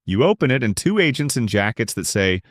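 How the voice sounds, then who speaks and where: A man giving scripted narration that explains legal rights in a measured, emphatic way. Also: medium pitch, sing-song, no echo, studio quality.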